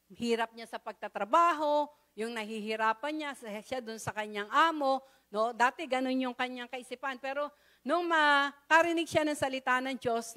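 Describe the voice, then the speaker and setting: High-voiced Filipino woman preaching. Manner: frequent "no?" tag questions, warm storytelling with rising excitement. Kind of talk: sermon storytelling. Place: church service.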